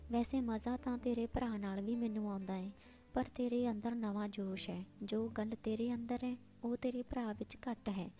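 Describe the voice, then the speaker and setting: A playful young wife in a storybook reading, voiced by a woman narrator. She teases and coaxes in a fairly high, mellow voice. Faint music plays underneath. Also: fairly even intonation, moderate pace, lightly acted. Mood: tender. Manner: playful, coaxing delivery.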